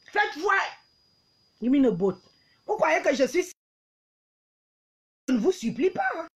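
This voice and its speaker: A woman's voice: high voice, very animated, measured pace, darkish tone. A woman, taunting and mocking her critics in a heated live-stream rant, often laughing. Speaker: livestreamer.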